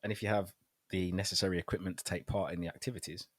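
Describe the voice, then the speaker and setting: A man's voice: deep voice, fairly even intonation, racing, dry recording. A man co-hosting a fitness podcast in casual chat, a trainer who laughs often and tells loose stories.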